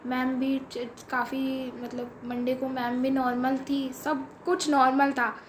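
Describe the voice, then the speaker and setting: A woman's voice: high-pitched, level tone, slow. A young woman chattily telling a funny school story, laughing often and using many fillers. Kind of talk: casual storytelling of a school memory. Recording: roomy with faint background noise.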